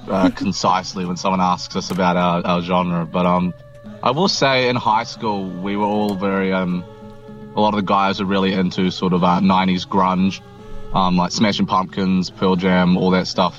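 New Zealand man, twenties, lowish voice, rambling and relaxed, muffled lo-fi line. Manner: relaxed, rambling with many fillers and restarts. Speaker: band member guest. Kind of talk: casual interview chat.

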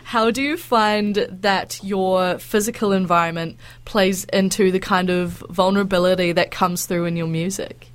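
A woman's voice: medium pitch, fairly even intonation, moderate pace, few pauses, clean tone. Enthusiastic woman radio host. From New Zealand. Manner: warm, enthusiastic praise. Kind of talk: radio interview.

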